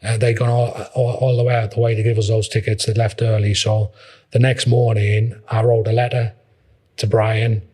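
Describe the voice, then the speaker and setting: A husky-voiced man in his fifties with a Liverpool accent, telling a long personal story in a rambling, casual way. His low voice stays flat and even, circling back and restarting as he goes. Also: moderate pace. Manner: rambling, with many restarts and reported speech.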